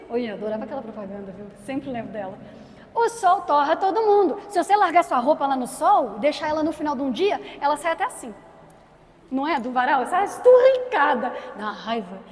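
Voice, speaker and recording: A young Brazilian woman teaching a parish consecration class, playful and questioning her audience. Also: high-pitched. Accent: Brazilian Portuguese. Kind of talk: lively parish teaching talk. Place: church hall. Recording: echoey hall with long reverb.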